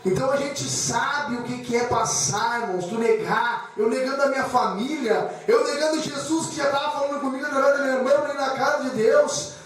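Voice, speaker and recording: A man's voice: very high-pitched, brisk, crowd noise. A man preaching a sermon with personal testimony, emotional and repetitive, calling the congregation brothers. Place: church hall. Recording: echoey church hall from far off.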